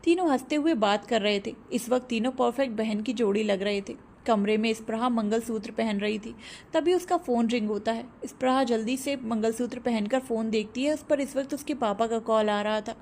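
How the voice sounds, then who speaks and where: Woman reading a story out loud, highish voice, faint hiss. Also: a little fast. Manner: steady reading. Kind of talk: scripted story narration.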